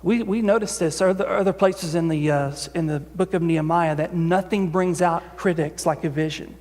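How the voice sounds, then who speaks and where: A man with a high-pitched voice preaches to his congregation in a casual, conversational way, often circling back and restarting his phrases. His voice rings out through the long reverb of a church sanctuary. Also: steady tone, moderate pace, a little mellow. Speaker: senior pastor. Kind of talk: sermon.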